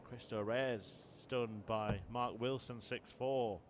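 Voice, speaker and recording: Even-toned male darts commentator. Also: mid-range voice, slow, background noise. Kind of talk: sports commentary on a darts match.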